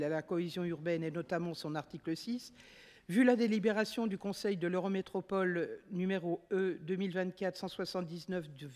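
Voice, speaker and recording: A woman councillor presenting a motion at a city council, reading an administrative report in a steady, measured way and now and then correcting herself. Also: on the low side, in a large hall.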